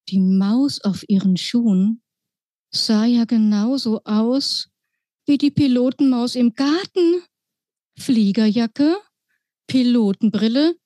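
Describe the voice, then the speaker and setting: A woman author reading her children's book aloud in a slow, deliberate storytelling manner. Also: on the high side, a little mellow, no room sound.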